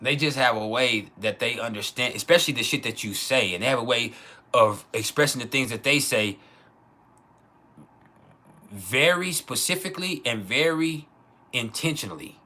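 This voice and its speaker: A man with a bright, forceful voice at a middling pitch hosts a casual livestream monologue. His talk is slangy and full of swearing, and he repeats key phrases to drive them home. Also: normal speed. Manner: profane, slangy. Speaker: astrology livestream host.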